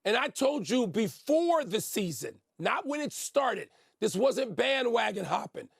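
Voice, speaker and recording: A man's voice: extremely high pitch, sing-song, measured pace, vocal fry, slightly rough, dry recording, studio quality. An older man co-hosting a sports debate show, emphatic and opinionated as he argues his picks. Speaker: sports talk show co-host.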